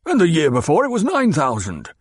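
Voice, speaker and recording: A man's voice: on the high side, wildly swooping pitch, fairly quick, slightly rough, no room sound, voice pushed up, exaggerated voice. A man voicing a fat, petulant, demanding baron who blusters and growls. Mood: blustering.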